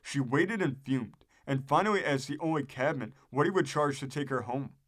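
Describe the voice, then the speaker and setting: A man's voice: medium pitch, normal speed, fairly bright tone. A man reading an old newspaper story aloud as scripted narration, as the host of a history program.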